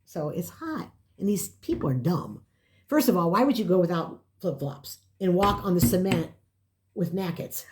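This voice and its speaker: This is an older woman in casual conversation, spinning a family story. She acts out the other people's lines as she goes, with a voice that sits a bit low. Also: moderate pace. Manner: animated storyteller, acts out quotes. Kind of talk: casual chat.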